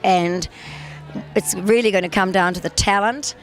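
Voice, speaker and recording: A woman with a medium-pitched voice reflects as a pageant judge in an interview, with faint music behind her. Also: normal speed.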